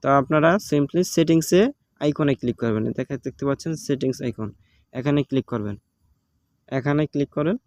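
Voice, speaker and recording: A man's voice: mid-range voice, moderate pace, darkish tone, dry recording. A man with a Bangladeshi Bengali accent giving a casual step-by-step app tutorial, patient and repetitive, with many fillers. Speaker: tutorial host. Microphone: phone recording.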